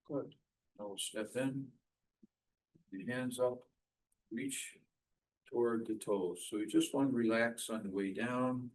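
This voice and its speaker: A man's voice: mid-range voice, poor audio. Man leading a step-by-step qigong class. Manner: measured, step-by-step cueing. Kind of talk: guided movement instruction in short, spaced phrases.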